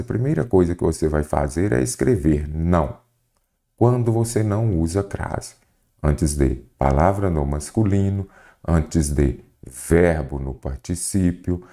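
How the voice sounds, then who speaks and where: A man with a Brazilian Portuguese accent teaching an exam prep grammar lesson, explaining step by step and asking the viewer questions. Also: sits low. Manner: didactic, questioning the viewer, lively emphasis.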